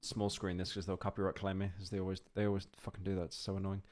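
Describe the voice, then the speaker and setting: A young man reacting on a live stream, rambling with stammered restarts and sudden excited outbursts. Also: low voice, fast.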